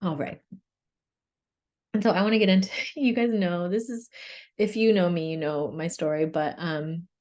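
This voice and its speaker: A woman's voice: lowish voice, moderate pace, long pauses, darkish tone. A young adult woman coach giving a candid webinar talk, laughing often and open about her feelings. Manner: candid, laughing, tearful at times.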